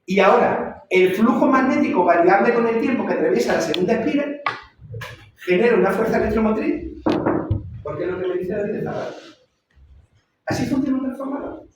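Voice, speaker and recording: Guy lecturing a class, kinda high voice, really echoey room, mic way off. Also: a little fast, long pauses, far from the mic, background noise. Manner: repeats and checks understanding with "¿vale?". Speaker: university lecturer.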